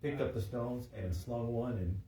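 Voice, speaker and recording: A man preaching a sermon, reading scripture aloud with rising emphasis and halting restarts. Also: medium pitch, dark tone, roomy sound, distant mic, slight background noise, rough recording. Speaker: pastor. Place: church sanctuary.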